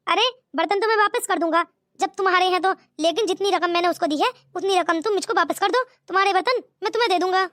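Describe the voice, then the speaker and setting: Cheeky male street vendor voiced by a woman, cartoon, haggling, very high-pitched, dry. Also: quick pace, a bit bright, no echo. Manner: teasing, bargaining.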